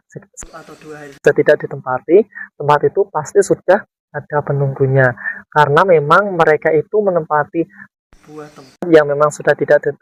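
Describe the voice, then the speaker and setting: A man's voice: on the high side, low-quality recording. A man hosting a casual vlog, explaining things and checking for agreement. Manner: explanatory, seeking agreement with tag questions. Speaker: paranormal vlog host. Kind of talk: casual vlog talk to viewers.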